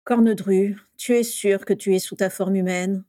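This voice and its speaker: A woman's voice: medium pitch, fairly even intonation, normal speed, warm tone, dry recording, clean studio sound, close to an everyday voice. A woman voicing a sleepy, long-suffering teenage boy who complains wearily in a storybook reading. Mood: weary grumble. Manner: weary, complaining.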